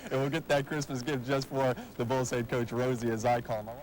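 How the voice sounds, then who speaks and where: A TV sports show host and play-by-play announcer presents and interviews in a polished broadcast style, his medium-pitched voice steady and a little fast. He's in an arena civic center, with crowd noise and poor audio quality.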